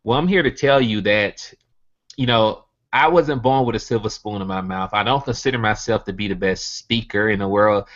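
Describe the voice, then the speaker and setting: Through a computer mic on a video hangout, a Birmingham, Alabama, man with a Southern accent makes an online pitch meant to motivate business listeners, stringing together rhetorical questions and restating his main points. He talks at a normal speed in a fairly low, fairly bright voice, and the sound is muffled.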